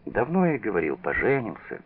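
A man voicing a gentle young peasant settler who talks simply and earnestly, on a tinny old radio broadcast. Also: lowish voice, huge pitch swings, fairly quick, a little hiss or hum.

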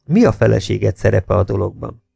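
A man voicing a calm army major who questions a prisoner in a measured way. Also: fairly low pitch, creaky, no echo, heavily acted. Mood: cool. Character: cool, patient British army major interrogating.

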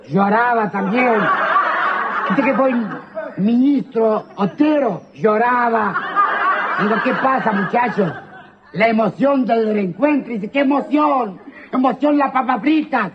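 A man telling a comic monologue, acting out the people he quotes, while an audience laughs. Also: sits high. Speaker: comedian doing a monologue. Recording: dull archive recording with loud hiss.

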